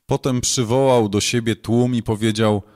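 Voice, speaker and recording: A man reading scripture aloud in a measured, solemn way. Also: medium pitch, steady tone, a little mellow. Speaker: scripture reader.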